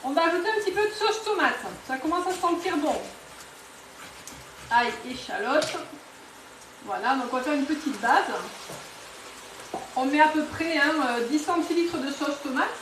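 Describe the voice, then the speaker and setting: A woman's voice: high voice, expressive, normal speed, long pauses, fairly bright tone, a little hiss or hum. A woman from southwest France with a southwestern French accent, talking her way through a live cooking demo in a home kitchen, chatty and enthusiastic, with many fillers and restarts. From southwest France, near Toulouse. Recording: roomy, a bit distant from the mic.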